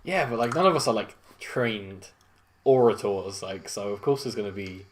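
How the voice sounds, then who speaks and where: A man's voice: on the low side, moderate pace, slight background noise. A man from England with an accent that mixes English, Irish and American, chatting casually as a podcast co-host and swearing freely. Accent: mixed English, Irish and American. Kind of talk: casual chat.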